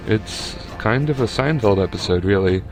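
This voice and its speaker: A man's voice: fairly low pitch, animated, normal speed, over music. A young man giving casual, rambling commentary over a video game battle, with lots of fillers and restarts.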